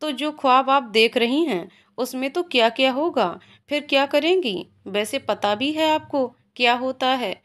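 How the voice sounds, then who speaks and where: Lady reading as a teasing young husband, low and soft, pitch still a bit up, storybook romance. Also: unhurried, few pauses.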